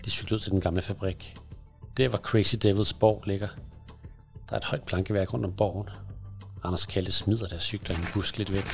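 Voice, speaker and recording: Gravelly low-voiced man reading and reviewing. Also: fairly even intonation, faint music behind. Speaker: podcast host, book reviewer. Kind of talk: reading aloud and reviewing books.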